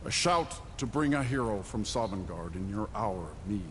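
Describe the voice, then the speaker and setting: An actor playing a solemn, noble spirit hero in a fantasy game, declaiming in a ceremonial, formal way. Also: male voice, lowish voice, expressive, moderate pace, fairly bright tone, slight background noise. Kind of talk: fantasy video game dialogue.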